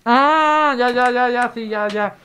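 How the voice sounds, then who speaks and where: A man's voice: extremely high pitch, slow pace, lo-fi sound, a loud crowd. A man in his twenties with a Puerto Rican accent, telling old school stories in a casual chat with friends, full of crude slang. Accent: Puerto Rican Spanish. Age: 20s. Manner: animated storytelling, crude slang. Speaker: podcast co-host.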